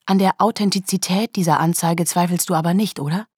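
Woman doing a sharp-tongued lady detective, cheeky and impatient, low dry voice. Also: fairly even intonation, a little fast, husky, no echo.

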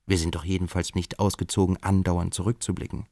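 A man's voice: low-pitched, level tone, brisk, mellow, no room sound, studio quality. A man reading an audiobook, voicing a cynical, eloquent male friend who talks in a pompous, lecturing way. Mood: lofty.

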